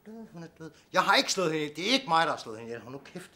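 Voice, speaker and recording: A man's voice: mid-range voice, very animated. Man playing a frantic, swearing young man. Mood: panicked. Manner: frantic, repetitive swearing, shifting to hushed whispers. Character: panicked young man swearing over a dead woman. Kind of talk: student film acting.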